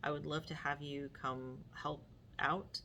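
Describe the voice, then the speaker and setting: A middle-aged woman hosts her own vlog, chatting casually to the camera with many fillers and restarts. Her voice is low, level, and unhurried, with a creaky, pushed, bright quality. There is slight background noise.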